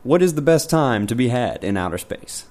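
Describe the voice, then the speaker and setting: Dry, sarcastic man with very animated pitch. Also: normal speed. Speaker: interviewer and host. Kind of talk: deadpan comic mock interview.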